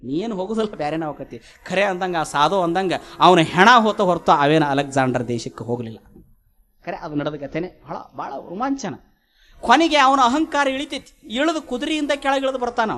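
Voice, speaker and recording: A male preacher with a North Karnataka Kannada accent, telling a story in a sermon, animated, swinging between loud and soft. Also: sits high, normal speed. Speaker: religious preacher.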